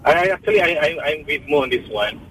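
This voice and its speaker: A man with a Filipino accent calling in to a radio show over a speakerphone line, halting and full of ums as he gives his opinion. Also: on the high side, expressive, fairly bright tone, a little hiss or hum, poor audio. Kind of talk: opinionated call-in comment.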